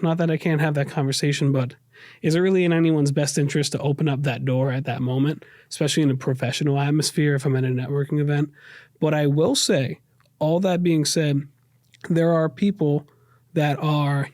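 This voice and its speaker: A man with a New York accent, raised there, speaks as a podcast guest in a reflective, earnest personal interview. His voice is a little high with a darkish tone, he often circles back to rephrase things, and the studio-quality recording is dry.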